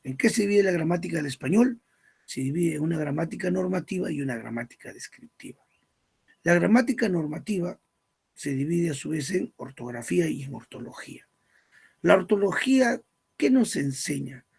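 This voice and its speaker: A man's voice: a little high, creaky, a little mellow, husky. A man teaching a language class, asking questions and then answering them himself, with a firm stress on the key terms. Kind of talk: classroom lecture.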